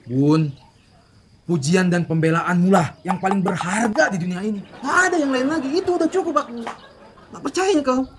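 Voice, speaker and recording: A woman's voice: medium pitch, expressive, normal speed, noisy background, close to an everyday voice. A woman playing a young husband with a Medan accent who keeps pleading and protesting against his jealous wife in a comedy sketch. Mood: defensive. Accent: Medan Indonesian.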